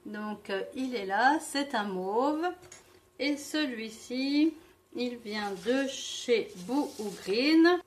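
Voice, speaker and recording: A woman reviewing beauty products in a casual vlog, talking with many fillers and pauses. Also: fairly high pitch, slight background noise. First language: not English. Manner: slow, hesitant, many fillers. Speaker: beauty vlogger.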